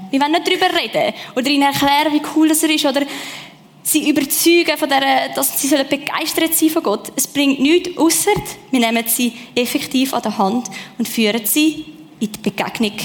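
A woman preaching a sermon, lively and personal, speaking straight to her listeners. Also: high-pitched, in a large hall.

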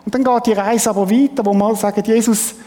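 A man's voice: high-pitched, steady tone, fairly quick, warm tone, in a large hall. A man preaching a sermon as pastor, earnest and plain-spoken, asking the congregation questions. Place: church hall.

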